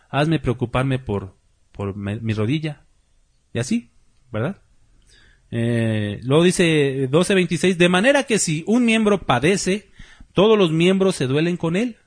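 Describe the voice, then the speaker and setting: A male pastor, his voice a little husky and pitched slightly high for a man. He preaches in a loose, conversational way and keeps tossing rhetorical questions at his congregation. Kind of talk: sermon.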